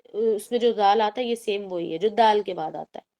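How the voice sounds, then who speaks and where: A woman's voice: medium pitch, warm tone, slight background noise. A woman teaching Quran recitation in an online class, explaining patiently step by step and mixing in English terms.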